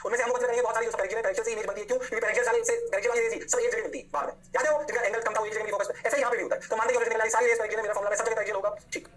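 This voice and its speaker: Fast-talking energetic physics teacher, a man. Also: extremely high pitch. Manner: energetic, coaxing, fires rhetorical questions. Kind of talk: classroom lecture.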